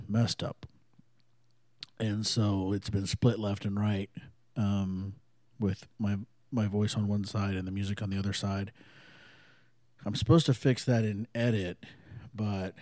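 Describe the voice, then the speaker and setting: A man's voice: on the low side, darkish tone, no room sound. A man hosting his own podcast, rambling casually with lots of fillers and the odd swear word, his voice a little thick from allergies. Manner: rambling, loose and profane, many fillers. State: congested from allergies, slightly thick voice. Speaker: podcast host. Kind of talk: casual solo podcast monologue. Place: small home studio.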